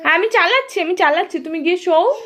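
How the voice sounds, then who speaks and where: A young mother speaks with a Bengali accent in a high, bright voice that swings widely in pitch. She coaxes her little son in a playful sing-song, then drops to quiet asides for the camera. It is casual, homey vlog talk. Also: animated, fast. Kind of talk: casual family vlog narration and talk to a child.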